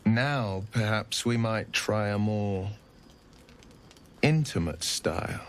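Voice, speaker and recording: Courtly romantic gent for a game, flowery and gallant, lowish voice, really unhurried, music under it. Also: male voice. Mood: flirtatious. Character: courtly romantic gentleman, gently poetic suitor. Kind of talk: video game voice acting. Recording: background music behind the voice. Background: clear music.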